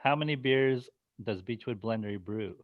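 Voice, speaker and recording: A man hosting a festival stream, briskly running trivia in casual chat. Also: medium pitch, phone-quality sound.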